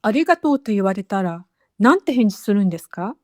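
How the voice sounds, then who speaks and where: A woman's voice: mid-range voice, very animated, fairly quick, a little mellow, no echo, clean studio sound, lightly acted. A woman voicing a young female learner who works in a shop and asks the teacher questions in a casual, friendly way. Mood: curious. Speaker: student asking the teacher. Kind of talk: scripted anime lesson dialogue.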